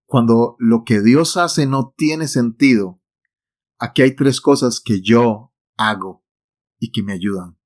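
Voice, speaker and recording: A man's voice: mid-range voice, takes it slowly, a little mellow. A man giving a devotional talk to the listener, emphatic and repeating his key phrases. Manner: speaks directly to the listener.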